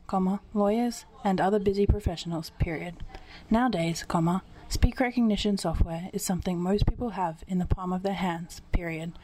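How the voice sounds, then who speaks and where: A woman's voice: medium pitch, a little hiss or hum, low-quality recording. A woman reading an article aloud as dictation, carefully speaking each punctuation mark and line break. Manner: speaks punctuation marks aloud, even and deliberate.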